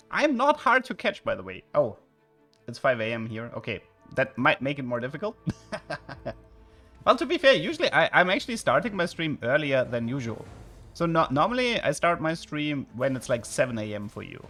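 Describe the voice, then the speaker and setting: Chatting with his viewers about the game he's playing, a southern German streamer with a German accent breaks into excited outbursts. He talks a little fast in a slightly high voice, with faint music in the background.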